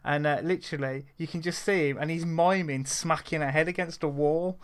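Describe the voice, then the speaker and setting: A man's voice: on the high side, fairly even intonation, brisk, slight background noise. A British man chatting casually about games, telling anecdotes and often repeating "literally".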